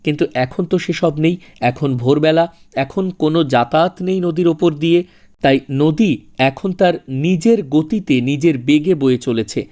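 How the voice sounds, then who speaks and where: A man teaching a poem line by line. He reads the English verse slowly and dramatically, then explains each line. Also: fairly high pitch, dark tone. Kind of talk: line-by-line poetry lesson.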